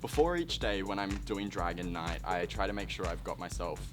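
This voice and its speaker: A low-pitched Australian man speaks as a campy drag queen with self-mocking flair. He presents himself and his craft to camera, with music clearly playing behind him. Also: animated, brisk. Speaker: drag performer. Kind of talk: talking about own craft to camera.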